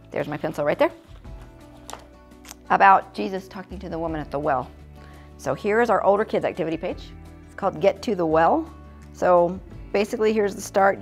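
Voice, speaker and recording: A middle-aged American woman teaching a children's church lesson in a classroom, chatty and informal, with easy laughs. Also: medium pitch. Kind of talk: casual teaching demonstration. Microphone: fixed camera, mid distance.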